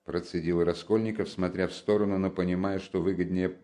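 A man reading a classic novel aloud as narrator, in measured, expressive storytelling. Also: deep voice. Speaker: audiobook narrator. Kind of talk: scripted literary narration.

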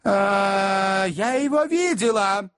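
A man's voice: sits high, lively intonation, slow, a bit bright, no room sound, clean studio sound, pitched above the performer's own voice, full character voice. A man reading aloud and voicing a hesitant, tearful middle-aged lady. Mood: flustered.

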